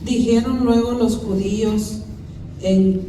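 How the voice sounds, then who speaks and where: A man from the congregation reads scripture aloud, slow and halting, restarting words as he goes. His voice is dark and mellow. He is heard from well off the mic in a strongly echoing hall, with a faint noise behind. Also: high-pitched, steady tone. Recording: echoey church hall, voice far from the mic.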